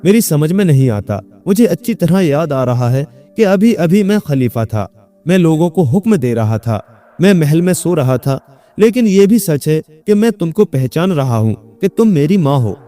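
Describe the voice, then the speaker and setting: A man's voice: a little high, sing-song, normal speed, dark tone, faint music behind. A man voicing a hot-tempered young man who believes he is the caliph and barks angry commands. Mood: confused.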